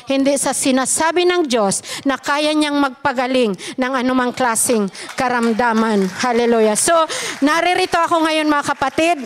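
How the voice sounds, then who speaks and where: A Filipino woman giving an earnest personal testimony to a church congregation, emphatic and often addressing her listeners as brothers and sisters. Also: high voice.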